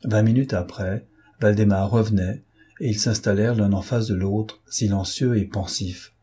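A man reading a novel aloud as an audiobook narrator, in a measured, even storytelling manner. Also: lowish voice, husky.

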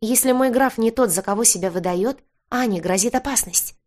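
A woman's voice: medium pitch, animated, brisk, darkish tone, natural voice. A woman voicing a fiery young woman necromancer who speaks in an indignant, demanding way in an audiobook reading. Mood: outraged.

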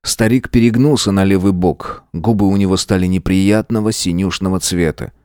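A man reading a novel aloud as an audiobook narrator, with an expressive delivery. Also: deep voice, moderate pace, clean tone, no echo, studio quality. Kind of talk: scripted narration.

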